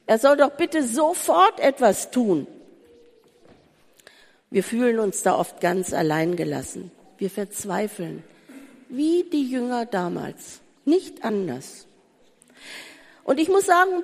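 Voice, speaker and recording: A woman preaching in a long, ringing hall, her voice sitting fairly high. She speaks very slowly and emotionally, piling up rhetorical questions. She moves between urgent pleading and a hushed calm. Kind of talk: sermon. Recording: reverberant hall.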